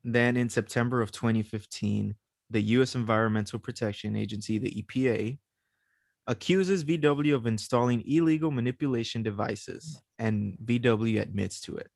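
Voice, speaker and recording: A man's voice: medium pitch, normal speed, vocal fry, a little mellow, no room sound, clean studio sound. A man hosting a casual podcast chat, loose and swearing, laughing as he explains. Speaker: podcast host.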